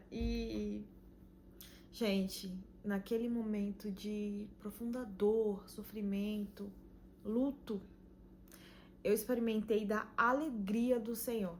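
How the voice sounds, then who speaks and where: A young Brazilian woman sharing an earnest, emotional faith testimony, full of pauses and "you know?" tags. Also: medium pitch, steady tone, darkish tone, slight background noise. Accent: Brazilian Portuguese. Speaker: channel host giving a faith testimony. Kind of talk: personal testimony vlog.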